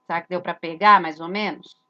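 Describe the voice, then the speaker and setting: A woman's voice: on the low side, fairly even intonation, brisk, sharp tone, lo-fi sound. A woman, giving an explanatory lesson that points at letters and poses rhetorical questions she answers herself. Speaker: religious teacher.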